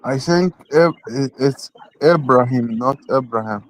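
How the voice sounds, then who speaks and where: A man's voice: medium pitch, unhurried, rough recording. A man calling into a livestream, politely and patiently explaining himself in casual conversation. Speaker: caller on a livestream.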